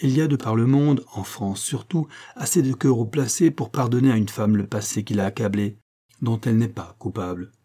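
A man's voice: mid-range voice, moderate pace, mellow, husky, lightly acted. A man reading the part of a proud, indignant Japanese baron in an audiobook, in a declaiming, oratorical manner. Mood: indignant oratory.

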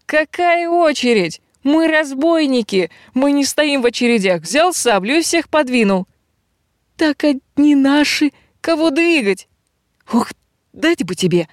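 A woman doing a brash loud robber chieftess. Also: takes it slowly, no echo, clean studio sound, full character voice. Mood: scolding. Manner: high, excitable, loud, scolding.

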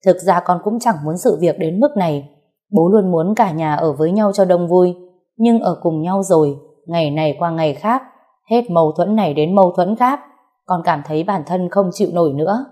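A woman voicing an earnest young husband who speaks in a measured, pleading but firm way in a storybook reading. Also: lowish voice, dark tone, close to an everyday voice. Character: earnest young husband defending his wife.

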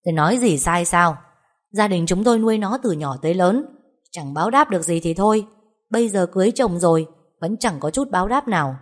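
A woman's voice: fairly low pitch, lively intonation, fairly quick. A woman voicing an angry, greedy middle-aged husband and gambler who hurls crude insults in an audio story. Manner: harsh, shouting, crude insults.

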